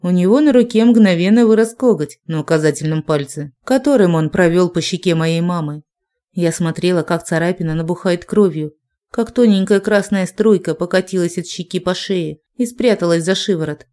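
Woman narrating a first person audiobook, lowish warm voice, tense and even. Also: moderate pace.

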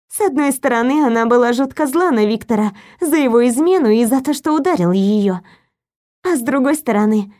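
A woman reads a novel aloud as its narrator. Her voice is high, and she tells the story in a steady, even way. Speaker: audiobook narrator. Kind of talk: scripted narration.

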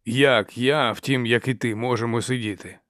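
A man's voice: medium pitch, steady tone, moderate pace, fairly bright tone, no echo, clean studio sound, lightly acted. Man doing a huge, impatient giant warrior. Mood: grumbling. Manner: grumbling, blunt.

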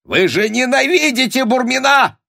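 A man's voice: mid-range voice, sing-song, unhurried, fairly bright tone, dry recording, studio quality, voice pushed up, full character voice. A man voicing a spiteful, scheming nobleman who grimaces and shrieks his threats. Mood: shrill threats.

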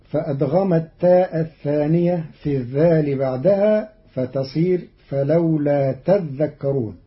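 Brief: man with a slightly high voice giving a careful, formal radio lesson; dull archival sound. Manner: measured and precise, carefully enunciating each word. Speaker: radio presenter explaining Quran recitation variants. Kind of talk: formal didactic explanation.

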